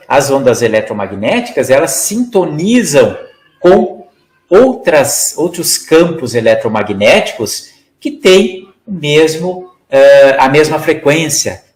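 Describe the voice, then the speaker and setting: A man's voice: on the high side, a little mellow, roomy sound, rough recording. A man giving a spiritist study talk as lecturer. He explains in a teaching way, often adds "né?", and acts out example phrases. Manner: didactic, acts out example phrases, many "né?" tags.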